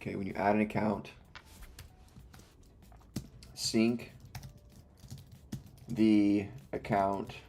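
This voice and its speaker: A man's voice: fairly low pitch, flat delivery, extremely slow, vocal fry, pauses often, mellow. A man hosting a live coding stream with the hiccups, muttering code steps to himself and explaining in a rambling, self-correcting way. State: has the hiccups. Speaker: livestream host. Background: faint music and keyboard typing.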